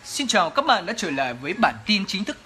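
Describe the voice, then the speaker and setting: A man's voice: sits high, very animated, fast talker, bright, forceful tone, faint music behind, exaggerated voice. A young man imitating a formal television news anchor with a stiff announcer delivery.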